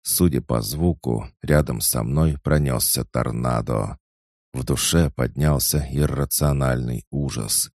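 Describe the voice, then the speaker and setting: A man narrates a first-person fantasy audiobook in a measured, steady way. His voice is extremely deep and gravelly. He speaks slowly into a dry, close mic. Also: no room sound.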